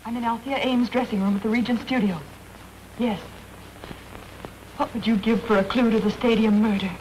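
A plucky young heroine detective, played by a woman, brisk and coaxing in 1930s screen style. Her voice sits high, and a faint hiss runs under the old film sound. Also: fairly even intonation, darkish tone, lightly acted, low-quality recording. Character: plucky young woman sleuth, bossy and quick.

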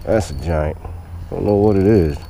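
A man filming himself fishing from a lakeshore with a head-mounted camera, talking excitedly to the fish as he reels them in. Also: low voice, normal speed, vocal fry, over music. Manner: talks to the fish while reeling. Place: outdoors on a lakeshore. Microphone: head-mounted action camera.

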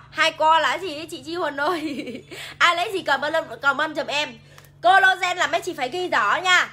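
High-sitting and sharp in tone, this woman's voice carries a Southern Vietnamese accent as she runs a chatty livestream sale, reading out viewer comments and pitching products casually.

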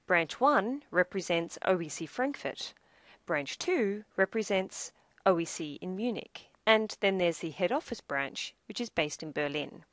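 A woman presenting a software demo reads from a script, explaining each step in a measured way. Her somewhat low voice is animated. The recording is close and dry, with no room sound.

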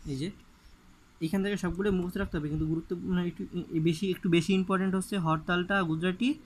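A man's voice: high-pitched, fairly even intonation, fast, slight background noise, poor audio. A man with a Bangladeshi Bengali accent teaching an exam-prep lecture, reading word lists off the page and stressing which items matter. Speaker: admission coaching teacher.

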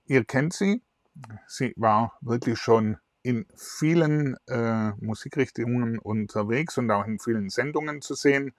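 A middle-aged man hosts an online interview in a chatty, filler-heavy way. His voice sits at a middling pitch and is recorded close and dry on a lapel mic. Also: measured pace, no echo. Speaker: host. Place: indoors in front of a virtual backdrop.

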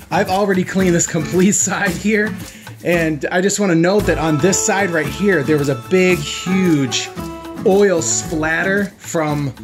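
A man in his forties hosting a casual vlog in his garage workshop, chatty and upbeat, with plenty of fillers. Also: a little high. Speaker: channel host. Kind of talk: casual product demo vlog. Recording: echoey garage with background music.

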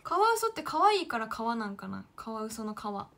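Her fairly high, fairly bright voice swings widely in pitch, carries vocal fry, and moves briskly. She's a Kyoto, Japan idol livestreamer in her late teens, chatting in Kyoto Kansai dialect to herself and viewers while drawing and calling herself by name.

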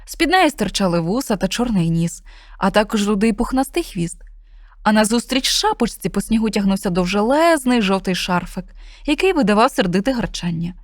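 A woman reading a children's fairy tale aloud in a gentle, expressive storytelling manner. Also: mid-range voice, a little fast, dry recording, clean studio sound.

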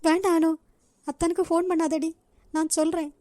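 A woman voicing a gentle, worried young woman about to marry, pleading in a cartoon. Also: very high-pitched, little pitch movement, fairly quick, no room sound, clean studio sound. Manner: pleading, soft. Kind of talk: cartoon voice acting.

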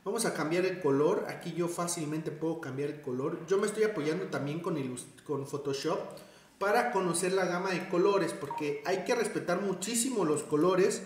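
A man's voice: high-pitched, normal speed. A man giving a chatty design tutorial, thinking aloud and correcting himself as he works. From Mexico. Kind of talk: screen-recorded tutorial. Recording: very echoey room.

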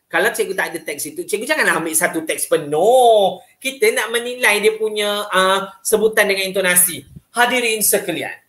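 A man's voice: high-pitched, a little fast, a bit bright, roomy sound. A man with a Malaysian Malay accent training teachers in a casual, chatty way, often checking that listeners follow.

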